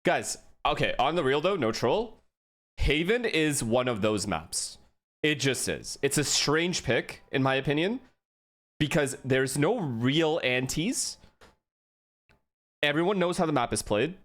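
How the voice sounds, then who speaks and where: Lively excitable male streamer. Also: a little high, unhurried. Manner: excitable, profane, talks to chat. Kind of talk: live esports watch-along commentary.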